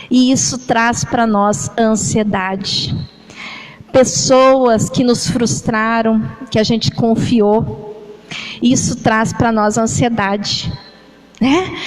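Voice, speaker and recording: A Brazilian woman gives a sermon in a high voice, taking her time over each phrase. She talks in a chatty way, keeps asking the listeners whether they follow, and acts things out with gestures as she goes. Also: low-quality recording. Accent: Brazilian Portuguese. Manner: conversational, frequent tag questions to the congregation; demonstrates with gestures while talking. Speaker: preacher. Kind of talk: church sermon on anxiety.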